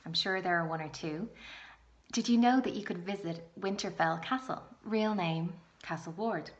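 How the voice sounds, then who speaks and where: A woman's voice: fairly low pitch, moderate pace, muffled recording. A woman with an Irish accent giving a promotional travel presentation as a host. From Ireland.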